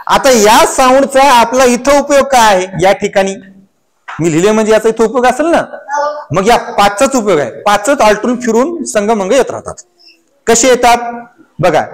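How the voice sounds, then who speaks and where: A man's voice: high voice, lively intonation, moderate pace. A man. He fires off questions, waits for answers and chants the letters aloud. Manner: call-and-response questioning of pupils. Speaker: teacher. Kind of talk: classroom lesson. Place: classroom.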